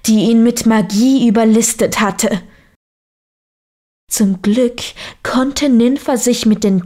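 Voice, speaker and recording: A woman narrating a fairy tale in a deliberate storytelling manner. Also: medium pitch, a little mellow. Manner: slow, deliberate reading.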